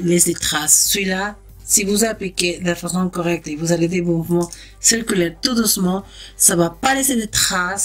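A woman with a Spanish accent, a beauty vlogger chatting playfully through a makeup tutorial with cheerful exclamations. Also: medium pitch.

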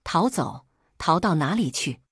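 A woman storyteller voicing a timid, sorrowful young wife who talks in a resigned, mournful way, with a husky voice. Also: lowish voice, sing-song, measured pace, no echo, studio quality, exaggerated voice.

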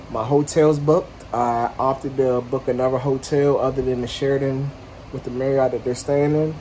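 A man's voice: mid-range voice, darkish tone, slight background noise. A man running a junk removal business, talking loosely to camera outdoors at a house, with lots of fillers and slang. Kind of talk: casual vlog talk to camera.

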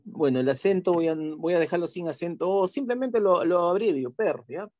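Man, teacher, online lesson, patient, repeats steps, tag questions, slightly high voice, dry sound. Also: animated, moderate pace, a little mellow, no echo. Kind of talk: online class software tutorial.

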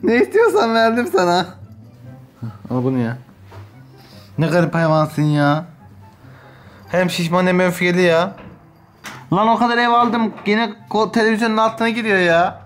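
A man chats casually in a home vlog, his voice pitched a little above the usual. He keeps a playful, laughing tone, teasing and scolding a puppy that won't stop biting him. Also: big pitch swings, moderate pace, pauses often, faint music behind. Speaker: vlogger playing with his new puppy. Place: at home indoors.

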